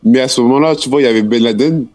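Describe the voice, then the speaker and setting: A teenage basketball player, talking casually in an interview, laid-back and slangy with many fillers. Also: male voice, mid-range voice, rapid-fire, darkish tone. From France. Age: teens. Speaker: young basketball player guest.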